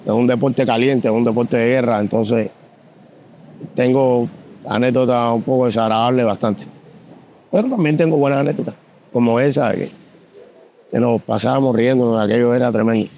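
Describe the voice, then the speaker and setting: A man tells judging stories in a dark, mellow voice, stumbling through fillers and restarts as he goes. The recording has a dull, slightly lo-fi sound. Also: mid-range voice, normal speed, vocal fry, pauses often, slight background noise. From Cuba. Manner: animated anecdotes with frequent fillers and repetitions. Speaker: competition pigeon judge. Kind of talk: storytelling in an interview.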